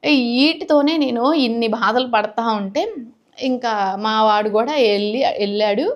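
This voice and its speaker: A middle-aged woman vlogger who runs a cooking channel, emotionally to her viewers and rising to sharp, indignant outbursts. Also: fairly high pitch, normal speed. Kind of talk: emotional talk to camera.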